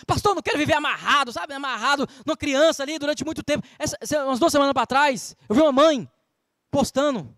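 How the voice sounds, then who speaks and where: A man's voice: extremely high pitch, fast, a bit bright, dry recording, studio quality. A man with a Brazilian Portuguese accent preaching a sermon as pastor, emphatic, with rhetorical questions and scripture quotes. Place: church.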